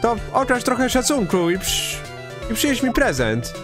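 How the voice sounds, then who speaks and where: A hoarse man voicing a cranky, nosy old woman who scolds and bosses people around. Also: extremely high pitch, big pitch swings, normal speed, over music, pitched above the performer's own voice. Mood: scolding. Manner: scolding, huffy and bossy.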